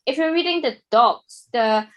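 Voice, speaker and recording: A woman's voice: fairly high pitch, lively intonation, measured pace, low-quality recording. A woman in an online study group patiently explaining a coding question over a video call, with casual fillers.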